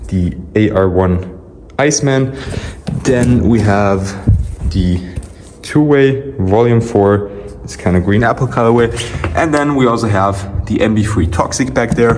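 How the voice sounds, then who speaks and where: A man casually presenting to viewers as a vlogger, recorded in a locker room with poor, loud sound. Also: fairly low pitch, background noise. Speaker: sneaker collection vlogger.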